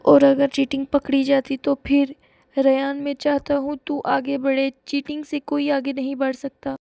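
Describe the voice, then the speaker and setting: A woman voicing a calm, principled schoolboy who talks earnestly, with a dry, close sound. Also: sits high, gravelly, dry recording.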